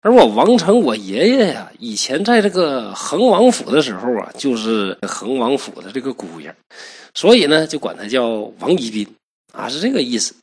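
A man's voice: mid-range voice, very animated, normal speed, a little mellow, husky. A man retelling a classic tale in a chatty way, with asides to the listener. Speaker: storyteller. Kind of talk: casual storytelling.

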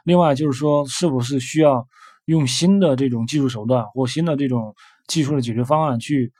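A man's voice: mid-range voice, fairly quick, darkish tone, slightly rough, no room sound, clean studio sound. A young man giving casual spoken advice as a developer, hesitant, with many fillers and repeated words.

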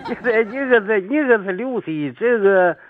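A man's voice: high voice, moderate pace, narrow, tinny audio, a little hiss or hum. An older man with a northeastern Chinese accent, a guest chatting casually in short, plain-spoken replies. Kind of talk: casual chat.

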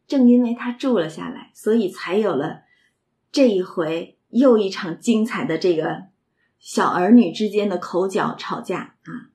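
A woman's voice: medium pitch, measured pace, a little mellow. A woman retelling and explaining a classic novel in a chatty, conversational way, with asides to the listener. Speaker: literature storyteller.

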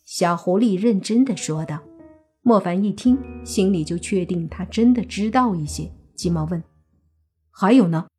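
A woman narrating a serialized suspense novel as an audiobook, steady storytelling. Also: mid-range voice, normal speed, faint music behind.

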